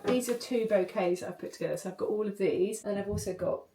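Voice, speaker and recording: A woman's voice: mid-range voice, fast, warm tone. British woman, thirties, casual rambling vlog chat, distant mic, roomy echo. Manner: chatty, rambling, full of "like". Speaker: vlogger. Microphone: distant camera mic. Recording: roomy, distant home recording.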